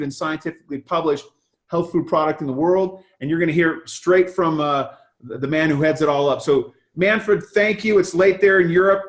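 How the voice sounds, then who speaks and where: A man hosting a video call interview, giving a rambling, enthusiastic introduction. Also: on the high side. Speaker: host.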